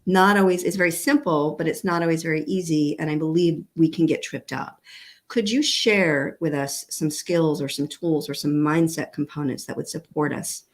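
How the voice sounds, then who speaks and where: A woman's voice: deep voice, moderate pace. A woman from New England hosting a live talk show, affirming her guest and asking long questions.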